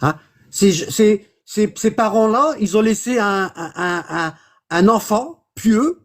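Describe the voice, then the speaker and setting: Speaking slowly and expressively in a high-pitched voice, this man teaches religion informally. As an instructor he explains with patience, goes over points again and makes sure he's being followed.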